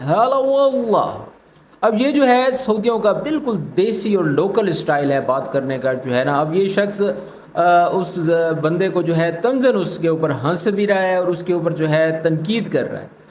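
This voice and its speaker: A man hosting a language lesson, patiently explaining phrases and repeating them slowly. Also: high-pitched, darkish tone, roomy sound, a little hiss or hum. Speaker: Arabic teacher, channel host.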